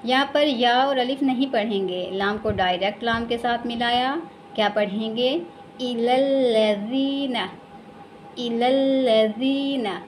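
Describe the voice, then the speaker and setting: A woman with an Urdu accent teaching Quran recitation in a lesson, explaining patiently and repeating each word slowly and drawn out. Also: a little high, slight background noise. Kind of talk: slow step-by-step recitation lesson.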